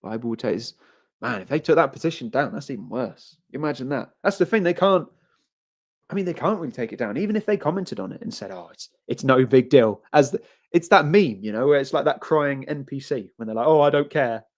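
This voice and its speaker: A man's voice: mid-range voice, animated, fast talker. A man hosting a live stream, rambling through casual commentary and reading viewer comments aloud, often repeating himself. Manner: rambling, repeats phrases, frequent restarts. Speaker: livestream host.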